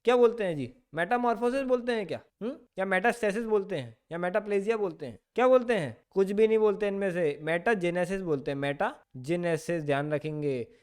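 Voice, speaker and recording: A man's voice: sits high, smooth. Man quizzing and answering himself in a lecture. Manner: asks questions and answers them himself, mixing Hindi with English terms; reads textbook lines slowly, then explains quickly and playfully. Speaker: biology teacher. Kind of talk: exam-prep lecture.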